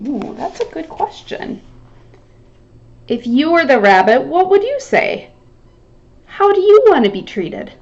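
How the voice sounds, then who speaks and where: A woman reading a picture book aloud to children, stopping to ask questions in an animated, encouraging, teacher-like way. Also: high-pitched, measured pace, pauses often, lo-fi sound, slight background noise. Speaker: storytime reader.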